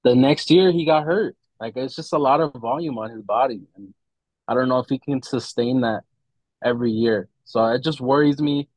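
A man's voice: mid-range voice, normal speed, darkish tone, dry recording, rough recording. A man in casual sports chat as a podcast host, opinionated and slangy, often saying "bro".

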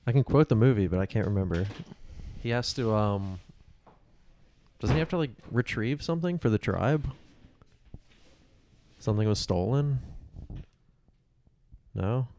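A man's voice: fairly low pitch, a little slow, long pauses, slight background noise. A man co-hosting a casual movie podcast, chatty and laughing as he recalls scenes. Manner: lively, quotes lines, laughs. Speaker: podcast co-host.

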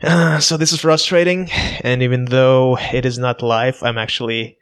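A man in his twenties from Kazakhstan, with a Russian accent, hosts a casual solo podcast on a laptop. His mid-range voice is clear and resonant, steady in tone and at normal speed, though he speaks hesitantly and self-consciously with many restarts.

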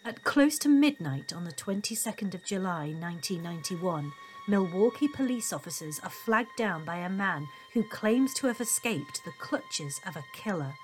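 A woman's voice: lowish voice, animated, normal speed, soft background music. A woman hosting a podcast in the style of a true crime narrator, reading scripted narration. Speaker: podcast host.

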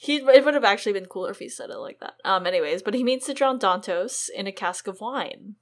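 A young woman co-hosting a podcast, talking through a book chapter in a quick, animated, casual way. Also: medium pitch. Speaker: podcast co-host.

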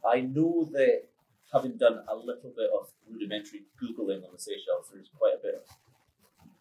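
A man's voice: mid-range voice, normal speed, warm tone, highs cut off. A man hosting a podcast, chatting casually, laughing often and restarting his sentences. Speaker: podcast host. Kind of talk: casual interview chat.

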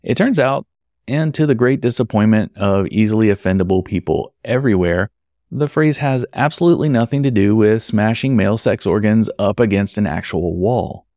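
A man tells a personal story from his work as an event photographer, speaking conversationally and tossing wry asides to the listener. His voice sits low with a gravelly edge. The recording is dry and close. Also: moderate pace, darkish tone, dry recording. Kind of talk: storytelling narration.

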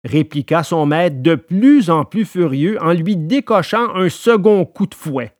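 A man narrating a storybook in an expressive, lively way. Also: on the high side, measured pace, no echo.

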